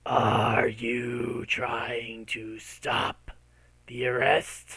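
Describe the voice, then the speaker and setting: A man's voice: mid-range voice, monotone, very slow, vocal fry, bright, forceful tone, husky, no room sound, exaggerated voice. A man voicing a blank, menacing skeleton tax enforcer in a tabletop game, with an unearthly voice and formal pronouncements.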